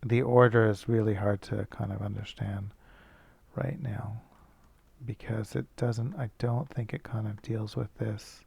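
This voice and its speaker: Gravelly man talking through code. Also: lowish voice, fairly even intonation, a little slow, a little mellow, dry recording. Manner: thinking aloud, self-correcting, casual. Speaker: teacher. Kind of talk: screencast coding lesson.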